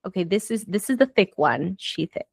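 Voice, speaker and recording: In a clean studio with no echo, this woman, a native Spanish speaker raised in Southern Florida in the US, reflects casually in conversation. She stumbles through fillers and restarts and sometimes bursts into exasperation. Her mid-range voice is gravelly with a breathy edge, lively in intonation, at a moderate pace.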